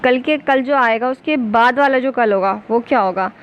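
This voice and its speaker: Spelling words letter by letter, a patient woman with an Urdu accent teaches simple English to beginners at a slow pace. Her voice is fairly high, and the audio is dull.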